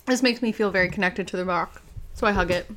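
A woman's voice: medium pitch, fast, a bit bright. A woman playing a tabletop role-playing game, casual and giggly. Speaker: player.

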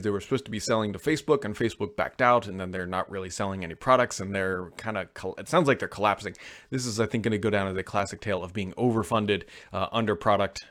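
A man's voice: on the low side, a bit bright. Man casually fielding viewer tech questions. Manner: conversational, informal advice-giving. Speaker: host answering viewer questions.

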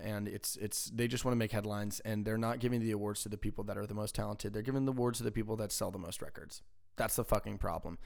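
Gravelly profane podcast host ranting. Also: male voice, lowish voice. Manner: profane, rambling, exasperated. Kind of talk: casual solo podcast rant. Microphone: home podcast mic with crackling.

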